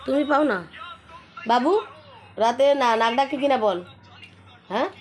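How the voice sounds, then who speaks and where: A woman's voice: sits high, unhurried. A woman, chatting with her family at home in a casual vlog, teasing and scolding. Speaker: family vlogger.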